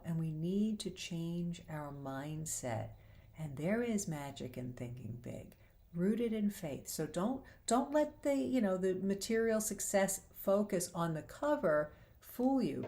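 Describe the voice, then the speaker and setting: Quoting scripture, a woman with a fairly low, dark voice hosts a faith-based talk show in an earnest, encouraging manner. She is slightly losing her voice, which gives it a somewhat worn sound.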